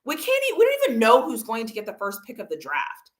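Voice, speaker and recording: A woman's voice: a little high, wildly swooping pitch, fast. A woman hosting a casual football livestream, talking to her chat in an emphatic, argumentative way. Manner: talks to chat viewers. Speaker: livestream host.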